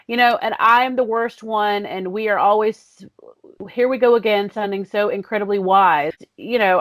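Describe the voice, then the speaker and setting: A woman's voice: mid-range voice, dry recording, studio quality. A woman co-hosting a podcast in casual chat, chatty and self-mocking. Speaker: podcast co-host.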